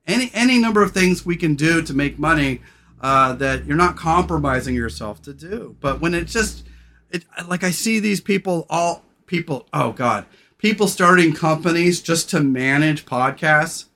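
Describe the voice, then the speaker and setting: A man hosting a podcast, brash and irreverent, loud radio-style delivery that drops to low, slow, soft talk when sincere. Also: animated. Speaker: podcast host. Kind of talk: casual podcast chat.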